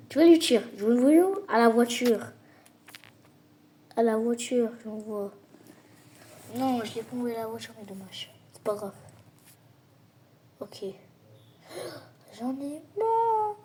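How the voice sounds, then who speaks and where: A woman with a fairly high voice plays a football video game and talks through every attempt. She keeps repeating her complaints, and every so often she drops into a mock sports-commentator delivery. A faint noise sits under her voice. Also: a little slow, long pauses, dark tone. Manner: frustrated, repeats complaints over and over. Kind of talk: casual gameplay commentary.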